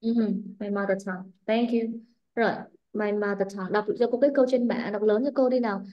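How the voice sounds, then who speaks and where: A woman with a Vietnamese accent runs a live online English speaking class. She reads model answers slowly and then explains in quick, animated bursts. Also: mid-range voice, dull audio. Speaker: English teacher.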